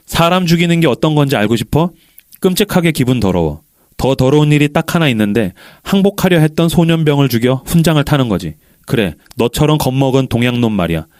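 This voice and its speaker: A man voicing a gruff, bitter old war veteran who confesses in low, clipped lines. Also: expressive, fast, a little mellow, no echo, studio quality, natural voice. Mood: grim confession.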